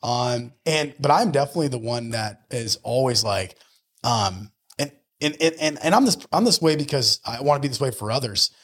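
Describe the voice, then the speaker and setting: With a mid-range, fairly bright and expressive voice at normal speed, this early-40s mortgage lender and business owner chats as a podcast guest. He's earnest and motivational, frequently tossing in "right?" to check in with the listener.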